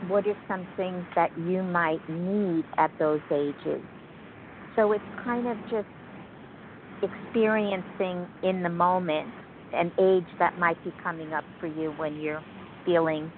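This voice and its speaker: A distant woman on speakerphone. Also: lowish voice. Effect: on speakerphone, sounding distant. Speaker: support group participant. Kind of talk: casual conference call sharing. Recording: tinny phone line with loud hiss.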